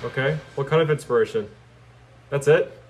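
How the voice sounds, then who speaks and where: A young man hosting a reaction video, bemused and quick to laugh. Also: medium pitch, slight background noise. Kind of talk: casual reaction commentary.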